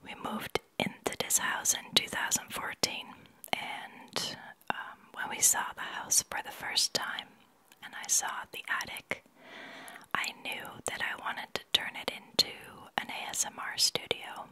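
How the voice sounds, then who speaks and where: Young woman whispering slowly, leaning in close. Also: pushed and bright, no room sound, low-quality recording. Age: young adult. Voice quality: breathy, unvoiced whisper. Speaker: ASMR video host. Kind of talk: whispered ASMR, casual chat to viewer. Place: small attic studio, indoors. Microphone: large microphone close to the mouth.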